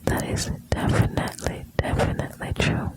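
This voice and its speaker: A woman whispering close to the ear in an intimate, soothing ASMR style, reading out short lines and chatting softly to the listener. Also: normal speed. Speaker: ASMR host reading quotes.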